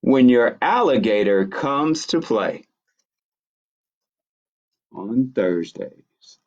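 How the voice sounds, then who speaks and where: A library storytime reader, a man, reads picture books aloud to young children in an expressive style, adding small asides about the pictures. His pitch swings widely, his pace is leisurely, and he draws out words. The audio is dull and lo-fi.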